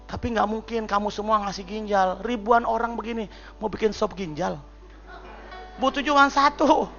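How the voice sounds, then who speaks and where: Man playing sickly old emperor, slow and feeble, high bright voice. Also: vocal fry, muffled recording, soft background music. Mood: announcing. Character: sick, weary old emperor, soft-spoken.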